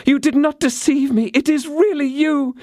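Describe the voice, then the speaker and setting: A woman's voice: sits high, steady tone, normal speed, a little mellow, no echo, voice pushed up, lightly acted. Constance, a man voicing a fragile pleading young woman. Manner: breathless, pleading. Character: frail young woman, frightened and dying.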